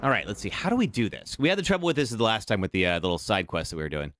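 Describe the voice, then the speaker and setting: A man's voice: lowish voice, sing-song, racing. A man doing casual video game commentary, thinking aloud in a laid-back way as he plays. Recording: loud game music behind.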